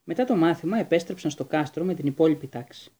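Brief: male audiobook narrator, steady measured reading, slightly high and mellow. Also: breathy edge. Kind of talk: scripted storybook narration.

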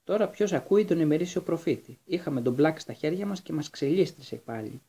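A man's voice: on the high side, lively intonation, warm tone, slightly rough, pitched above the performer's own voice. A man voicing a harried, blustering middle-aged government minister in a raised, exasperated voice while reading a storybook. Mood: grumbling.

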